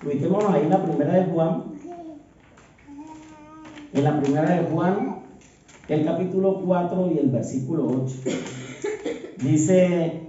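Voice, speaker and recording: A man's voice: fairly high pitch, warm tone, slight background noise. A man preaching a sermon in a church, often checking in with his listeners with a rhetorical "¿sí?". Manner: reads scripture slowly with stress. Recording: echoey church hall, distant dull mic.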